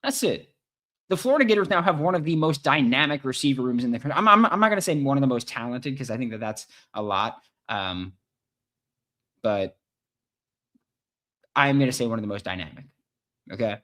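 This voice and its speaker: A man hosting a live sports podcast, talking in an excitable, hype-driven way and repeating lines for emphasis. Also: mid-range voice, fairly quick, pauses often. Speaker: podcast host. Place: recording in England.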